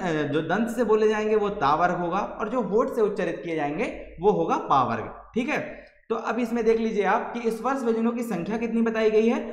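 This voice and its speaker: A man's voice: high voice, reverberant, long reverb tail. A man teaching a grammar lecture for exam preparation, who keeps asking the class questions and then answers them himself.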